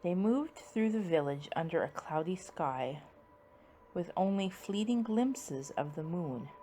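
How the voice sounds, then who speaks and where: A woman narrating a scripted story dramatically, in a playful spooky manner that moves between hushed suspense and sudden swells. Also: lowish voice, expressive, a little slow, a little hiss or hum.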